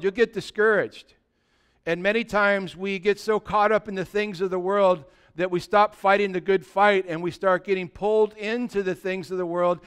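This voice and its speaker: A man preaches to his congregation in a high, resonant voice. He pushes hard on his exhortations, then drops low and soft for the tender moments, always fervent. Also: clean tone. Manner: impassioned preaching, swinging from loud exhortation to hushed tenderness. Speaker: pastor. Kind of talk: sermon.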